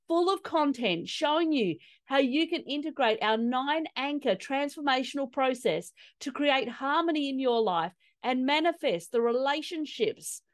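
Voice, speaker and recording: Woman podcast host, highish voice, upbeat and keen, dry close mic. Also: no echo. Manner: enthusiastic, upbeat. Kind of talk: podcast interview and promo.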